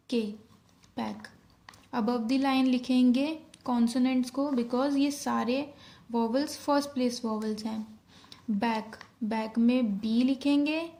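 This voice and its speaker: A woman teaching a shorthand lesson, explaining each step slowly in Hindi with English terms mixed in. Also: on the high side, darkish tone.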